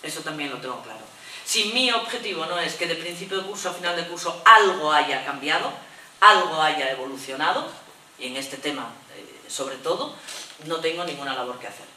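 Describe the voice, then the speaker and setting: A woman teacher giving a humorous lecture, lively and jokey, now and then acting out little voices. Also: low voice, fairly quick, reverberant, recorded from a distance, slight background noise, rough recording.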